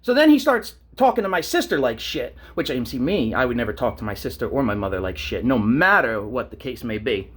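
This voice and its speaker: A man's voice: medium pitch, very animated, fairly quick, hardly any pauses, breathy edge. A man ranting on a vlog, blunt and profane, telling stories and asking rhetorical questions. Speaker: vlogger.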